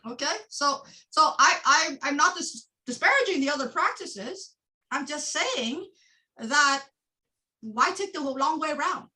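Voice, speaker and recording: Bright high-voiced woman teaching meditation. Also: measured pace, poor audio. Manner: animated, laughs often, repeats and restarts. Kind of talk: classroom teaching.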